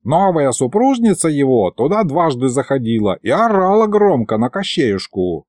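A man voicing an anxious, eager male helper who speaks slowly and urgently. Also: medium pitch, very animated, a little mellow, dry recording, clean studio sound.

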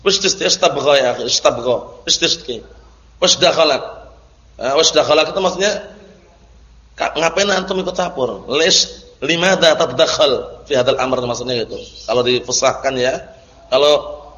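A man's voice: mid-range voice, moderate pace, fairly bright tone. A male teacher giving a classroom grammar lesson, explaining terms and often checking that students understand. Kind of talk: classroom lecture. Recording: dull lo-fi recording in echoey hall.

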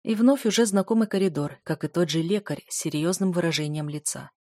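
Low-voiced woman reading an audiobook. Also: fairly quick, darkish tone, no echo, clean studio sound. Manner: reads a young man's first-person thoughts, voicing dialogue. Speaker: audiobook narrator. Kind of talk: scripted audiobook narration.

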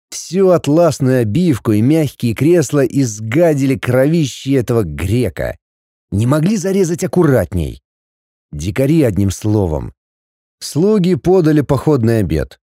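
A man reading an audiobook as narrator, telling the story in an expressive, wry way. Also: medium pitch, no room sound, clean studio sound.

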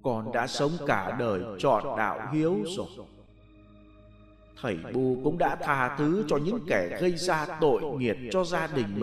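A man voicing the calm ghost of an old husband who speaks in a hushed, slow, consoling way. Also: mid-range voice, roomy sound, long reverb tail.

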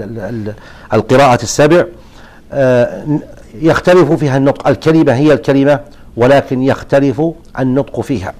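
A man who is an Islamic scholar, answering listeners' religious questions in a measured, explanatory lesson with frequent restarts. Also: mid-range voice, darkish tone.

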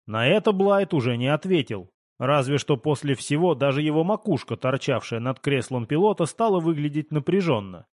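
A man reading a first-person novel aloud in a steady, even storytelling voice. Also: on the high side, normal speed, no echo, studio quality. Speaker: audiobook narrator. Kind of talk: scripted first-person audiobook narration.

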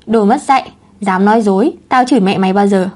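A woman's voice: mid-range voice, fairly quick, a little mellow, lightly acted. A woman playing a spiteful rude woman, scornful and scolding.

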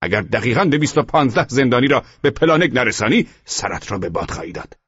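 A man's voice: medium pitch, big pitch swings, a bit bright, husky. An actor playing a stern, scornful male army sergeant who barks orders and scolds, in an audiobook drama, on a dull lo-fi recording. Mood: scolding.

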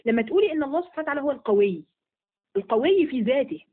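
Fast-talking Egyptian woman teacher, tinny line. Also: high-pitched, animated. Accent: Egyptian Arabic. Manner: asks and answers her own questions. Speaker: religious teacher. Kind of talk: Quran study lesson.

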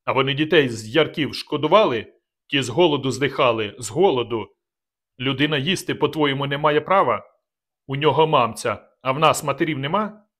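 A man's voice: mid-range voice, brisk, a bit bright, close to an everyday voice. A man voicing a fierce, embittered male peasant rebel leader who speaks harshly in an audiobook. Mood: enraged. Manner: harsh, barking, rough-spoken.

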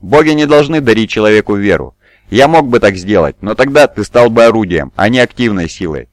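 A sly young god disguised as a boy, voiced by a man reading a story. He speaks calmly and knowingly, teasing the man before him. The voice sits low and the recording is dry. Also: brisk, no echo, natural voice. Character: god posing as a small mocking boy.

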